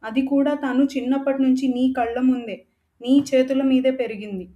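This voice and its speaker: A woman's voice: sits high, steady tone, normal speed, warm tone, lo-fi sound, natural voice. A woman voicing an indignant older man who lectures reproachfully.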